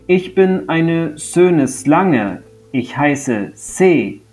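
A man's voice: on the high side, lively intonation, very slow, faint music behind, voice pushed up. Man putting on a lisping vain snake lady. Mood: proud. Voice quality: lisping, soft hissing speech. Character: vain female snake who can't say Sch.

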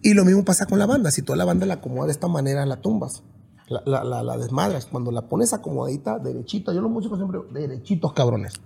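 A man from Mexico, a band musician and singer, telling stories in a casual interview, animated and swearing freely. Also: medium pitch, quick pace, vocal fry, husky. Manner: animated, swears freely, imitates drum hits with his voice.

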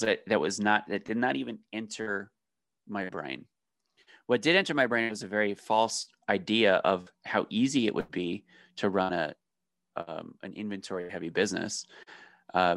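A man's voice: on the low side, creaky, fairly bright tone, no room sound. A man, a business owner, telling his story candidly in an interview, with joking asides. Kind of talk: casual interview.

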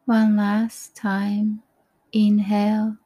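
A woman leading a guided breathing meditation in a soft, breathy, calm voice, with unhurried short phrases and pauses. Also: medium pitch. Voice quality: soft, breathy, often near a whisper.

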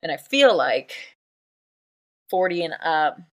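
A woman co-hosts a podcast in casual conversation, telling stories with animation, laughing often, and acting out what people said. Her voice is low-pitched and her pace is slow.

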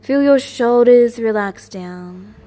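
A female meditation teacher guides a session in a gentle, soothing, lulling way, repeating soft instructions. Her voice sits a little high, and she speaks at a slow pace.

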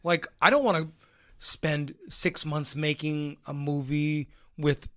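A man co-hosting a movie podcast, telling stories and giving firm opinions in an animated way. His voice is a little higher than usual for a man. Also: slow pace. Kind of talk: casual movie chat.

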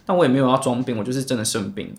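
Speaking very fast with vocal fry at a medium pitch, a young podcast co-host rambles through a long personal story on a chat show. He keeps restarting and repeating words.

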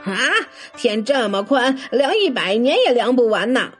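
A woman's voice: on the high side, lively intonation, a little slow, breathy edge, faint music behind. A woman voicing an angry, pompous male prefect who scolds and blusters. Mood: indignant.

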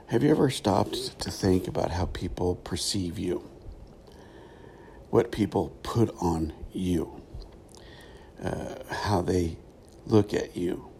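A middle-aged man reflects aloud in a solo podcast. His voice is dark and gravelly, and he speaks slowly and thoughtfully with many pauses. There is faint noise in the background. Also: sits low. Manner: thoughtful, halting, pausing often. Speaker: podcast host, former pastor.

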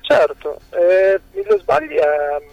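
A young man, a musician guest, answering interview questions over the phone, hesitant and full of drawn-out fillers. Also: high voice, wildly swooping pitch, creaky, dry recording, muffled recording, soft background music.

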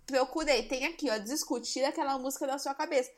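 A woman's voice: high-pitched, fast. A young woman co-hosting a casual podcast, playful and laughing often. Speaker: podcast co-host.

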